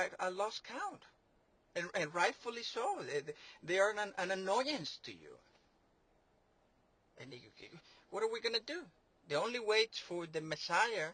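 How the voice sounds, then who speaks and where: Male commentator, sarcastic and rambling, with a bright, tense tone that sits high. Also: slightly rough. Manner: rambling, mocking, many fillers and restarts. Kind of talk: sarcastic political monologue.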